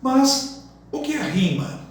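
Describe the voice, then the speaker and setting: A man giving a slow lesson, listing example words one by one and explaining each. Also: very high voice, very animated. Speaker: workshop teacher. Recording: echoey room from far off, faint noise.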